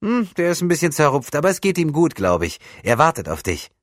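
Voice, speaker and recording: A man doing a cheeky lad's voice, high and bright, teasing and guarded, storybook boy, dry close sound. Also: big pitch swings, fairly quick, dry recording. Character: cheeky wary young male traveller, almost a boy.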